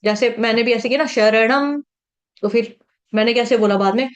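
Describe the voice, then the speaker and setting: A woman teaching a devotional scripture class, slowly chanting Sanskrit verses and patiently explaining how to pronounce them. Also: on the high side, steady tone.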